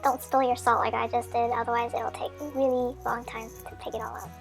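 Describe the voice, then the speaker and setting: Sped-up chipmunk voice of a woman, squeaky high, chatty craft how-to, faint music behind. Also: flat delivery, fairly quick, vocal fry. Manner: chatty, friendly instructions with small slips. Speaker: craft tutorial maker. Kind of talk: casual how-to voice-over.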